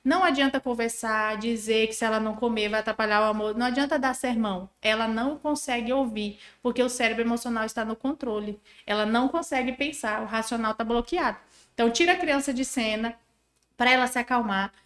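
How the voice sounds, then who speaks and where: Woman, parenting educator on a podcast, animated and didactic, higher voice, echoey room. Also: quick pace. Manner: didactic, animated, acts out examples. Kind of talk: explanatory podcast conversation.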